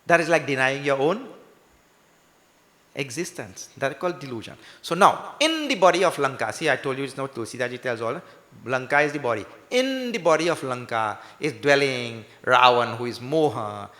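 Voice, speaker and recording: A man's voice: mid-range voice, sing-song, moderate pace, a bit bright. A man giving a scripture discourse as a swami, emphatic, repeating points and posing questions that he answers himself. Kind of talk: sermon with question-and-answer teaching. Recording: echoey hall with long reverb, faint music.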